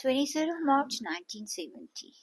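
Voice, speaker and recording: A woman's voice: sits high, huge pitch swings, fairly quick, slightly rough. A woman in her fifties from Switzerland, a guest mother giving short, terse answers in a casual chat. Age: 50s.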